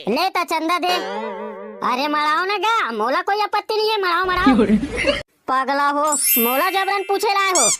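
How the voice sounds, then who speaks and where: एक आदमी की आवाज़ में छत्तीसगढ़ी लहजे वाला चीखता कार्टूनी गाँव का लड़का. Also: male voice, expressive, a little slow. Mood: bantering. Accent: Chhattisgarhi. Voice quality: high squeaky cartoon voice. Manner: rustic bantering, panicky shouts. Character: rowdy village boy, teasing and easily scared. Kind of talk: cartoon comedy voice acting. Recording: noisy amateur recording.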